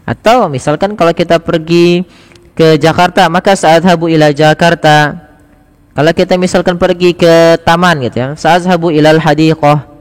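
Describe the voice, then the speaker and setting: A man giving a casual spoken language lesson, saying phrases slowly and clearly, then explaining them in an easy, chatty way. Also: on the high side, steady tone, big-room sound. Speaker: Arabic teacher.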